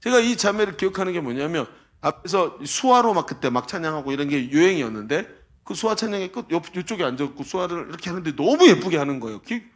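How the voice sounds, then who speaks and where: Male preacher, high voice, big swings in pitch; animated, emphatic storytelling at a church service. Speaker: pastor. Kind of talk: sermon.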